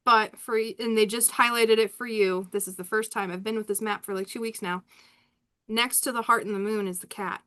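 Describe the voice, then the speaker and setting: A woman's voice: medium pitch, fairly even intonation, brisk, a bit bright. A woman hosting a live spiritual reading, talking in a rambling, candid way and laughing often. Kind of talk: casual live reading chat.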